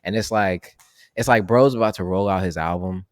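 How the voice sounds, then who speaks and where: A man's voice: sits low, moderate pace, dry recording, studio quality. A young man co-hosting a podcast, talking loosely and rambling with lots of slang and fillers. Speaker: podcast co-host. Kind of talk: casual chat.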